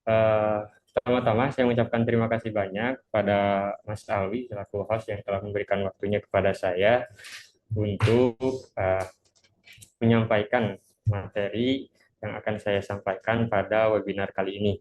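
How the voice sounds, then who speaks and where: A young man gives an informal webinar lesson, speaking through a face mask while slightly unwell. His voice sits fairly low and comes across dull and muffled. He is polite and a bit hesitant, often checking in with his listeners. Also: level tone, moderate pace, darkish tone, a little hiss or hum. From Cianjur, West Java, Indonesia. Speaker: webinar presenter. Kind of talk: informal online lesson, introductory presentation.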